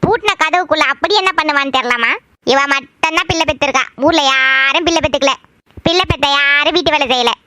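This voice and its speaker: A woman puts on a sour old grandmother, muttering complaints under her breath about her daughter-in-law's household. The voice drops well below the woman's own very high register but still carries a bright, thin edge. It is a cartoon voice, grumpy and nagging. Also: quick pace, no echo. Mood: grumbling. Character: grumbling old grandmother, sharp-tongued mother-in-law. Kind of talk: cartoon voice acting.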